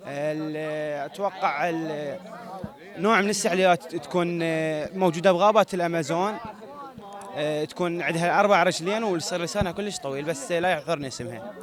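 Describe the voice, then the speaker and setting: A man's voice: on the high side, brisk. A man with an Iraqi Arabic accent gives casual answers as a contestant in an outdoor street quiz. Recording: street recording with clear crowd noise.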